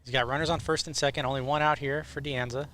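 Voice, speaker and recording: Male baseball play-by-play announcer, bright forward voice, live game commentary. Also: medium pitch, fairly even intonation, quick pace, slight background noise.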